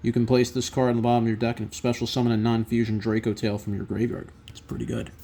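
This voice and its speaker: A man's voice: medium pitch, level tone, fast talker, vocal fry, dark tone. Man doing casual pack-opening commentary, background noise. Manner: reads out card names and effects, then gives brief reactions. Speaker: trading card collector presenting a box opening.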